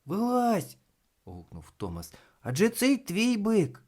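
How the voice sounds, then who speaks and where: An eager, clever young boy from a storybook reading, as a man plays him, his voice pitched well above a grown man's. He talks in a lively, excited way, and his voice swings widely. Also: normal speed, heavily acted. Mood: cheerful.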